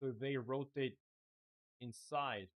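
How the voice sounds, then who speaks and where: Slow-paced and mid-range in voice, a young Chilean man who grew up speaking Spanish talks through his game build on a live stream. It's casual, relaxed thinking aloud, packed with fillers.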